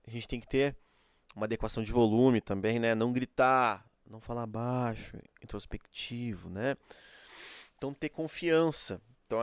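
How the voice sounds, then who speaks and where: A man's voice: mid-range voice, smooth, dry recording, studio quality. A male teacher giving a classroom lecture, explaining step by step, checking in with frequent rhetorical questions and acting out examples. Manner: demonstrative, acts out examples.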